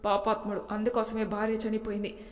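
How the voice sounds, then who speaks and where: A woman playing a desperate, wronged young wife who pleads in a flat, even voice. A long reverb trails after every line, as in a storybook reading. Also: mid-range voice, fairly quick, close to an everyday voice. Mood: distressed. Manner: pleading, tearful.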